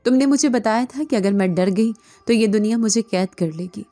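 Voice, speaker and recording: A woman's voice: fairly high pitch, warm tone, soft background music, lightly acted. Woman playing a frightened young captive woman. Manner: pleading, trembling.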